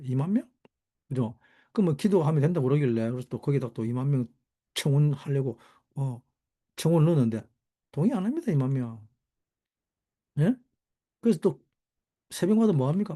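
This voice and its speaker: A man teaching the Bible in a sermon, talking rhetorically and asking his listeners "right?" again and again, with sudden jumps in pitch for emphasis. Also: dark tone.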